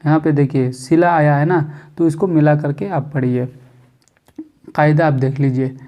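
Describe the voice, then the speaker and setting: A man teaching Quran reading in Hindi-Urdu. He explains the rules for stopping in casual speech, then recites each verse slowly and draws it out. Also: fairly high pitch, fairly even intonation, warm tone. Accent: Indian or Pakistani Hindi-Urdu. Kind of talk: slow step-by-step recitation lesson.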